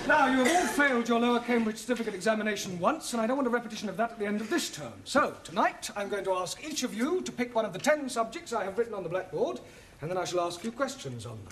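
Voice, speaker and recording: An actor playing a brisk, exasperated, dryly sarcastic British night-school teacher in a sitcom. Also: male voice, high voice, big pitch swings, a crowd in the background. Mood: brisk, instructive. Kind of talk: television sitcom acting.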